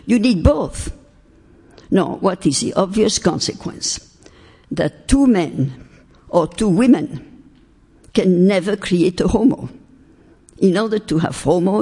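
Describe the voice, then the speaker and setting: In a hall with long reverb, an older woman lectures on faith and philosophy, speaking in a lowish, creaky, mellow and husky voice. French is her first language. She is deliberate and emphatic, stretching out the key words.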